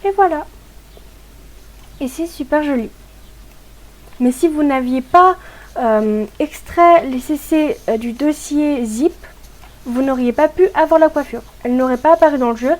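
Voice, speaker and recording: A woman giving a casual tutorial voice-over for a video game, chatty and explanatory, pausing often to hesitate as she goes. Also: high voice. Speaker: gaming tutorial host.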